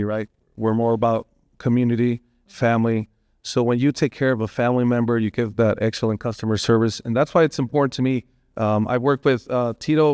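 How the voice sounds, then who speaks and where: A man's voice: medium pitch, darkish tone, clear, resonant tone, no room sound, clean studio sound. A man whose first language is Spanish, from Las Vegas, speaking on a panel in a heartfelt, emotional way and dropping in Spanish phrases. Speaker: real estate agent on a panel. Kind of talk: panel discussion.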